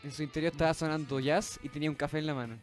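A man's voice: on the high side, steady tone, racing, faint music behind. A man with a Chilean accent cracking wry quips as co-host in a casual chat.

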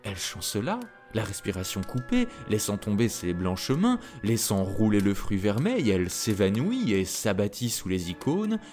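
A man reading a fairy tale aloud in an expressive, dramatic way. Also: lowish voice, moderate pace, few pauses. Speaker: narrator. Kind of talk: storybook reading. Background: faint music.

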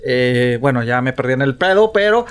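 A man's voice: mid-range voice, lively intonation, moderate pace, clear, resonant tone. A young man with a Mexican accent, rambling in casual slangy chat as a podcast co-host and acting out quotes. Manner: rambling, slangy, laughs often, acts out quotes.

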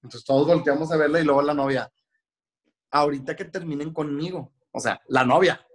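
A man's voice: a little high, fairly quick. Chatty Mexican man with a raised voice. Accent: Mexican Spanish. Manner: chatty, acts out voices of people in his stories. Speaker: hair and makeup stylist. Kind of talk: casual podcast storytelling.

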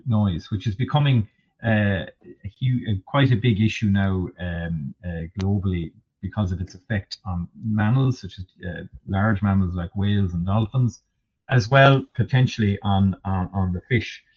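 Male interviewee, Kerry accent from the west of Ireland. Low register, halting informal explanations, muffled audio. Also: slightly rough. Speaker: interview guest, marine research manager. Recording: dull, narrow lo-fi audio.

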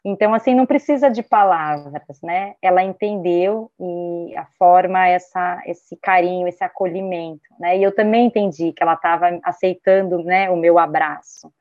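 A woman's voice: fairly low pitch, normal speed, hardly any pauses, no echo. A woman with a Brazilian Portuguese accent, a music therapist in her thirties, talking casually in a panel conversation and tagging her sentences with a questioning 'né'. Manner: chatty, tags nearly every sentence with a questioning 'né', restarts often; gets lively when retelling a story. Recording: dry, slightly dull call audio.

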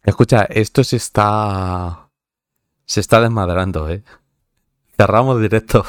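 Low-voiced joking man from central Spain. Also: a little slow, clear, resonant tone, no echo, clean studio sound. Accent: central Spanish. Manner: joking, swears often, laughs at himself. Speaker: streamer. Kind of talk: casual live-stream chat.

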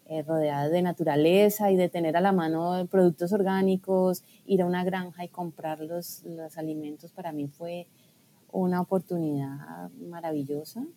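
Soft-spoken woman, warm low tone. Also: steady tone, a little hiss or hum. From Colombia. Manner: thoughtful, hesitant, pauses with fillers. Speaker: guest, food scientist and blogger. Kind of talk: casual podcast conversation.

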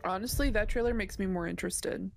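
A woman casually reacting to a livestream with expressive exclamations. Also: medium pitch, quick pace, vocal fry, faint music behind. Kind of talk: casual watch-along reaction.

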